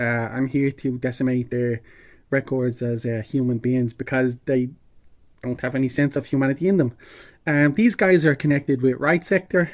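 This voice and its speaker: A man giving an unscripted, halting political rant as an online commentator, calm turning angry and combative, with heavy swearing. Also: medium pitch. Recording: dull lo-fi sound.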